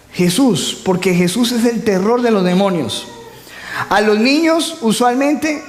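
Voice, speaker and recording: A man preaching a sermon in a church, asking the congregation to repeat words and joking with them. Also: sits high. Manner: call-and-response preaching with humor. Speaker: pastor. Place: church hall. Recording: echoey hall, long reverb.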